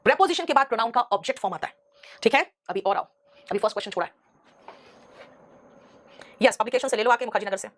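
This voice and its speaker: Brisk, higher-pitched woman teaching grammar. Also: animated. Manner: addresses students as beta, scolding asides; repeats rules, mixes Hindi with English examples. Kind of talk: live online class.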